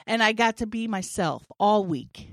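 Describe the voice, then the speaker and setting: A woman's voice: mid-range voice, expressive, moderate pace, no room sound, clean studio sound. A woman co-hosting a podcast, talking candidly and animatedly in casual chat. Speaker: podcast co-host.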